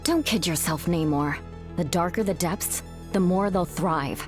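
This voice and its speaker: A woman's voice: fairly low pitch, measured pace, natural voice. A woman voicing a confident, caring superhero mother in a video game, composed and wry. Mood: firm, composed. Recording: music behind.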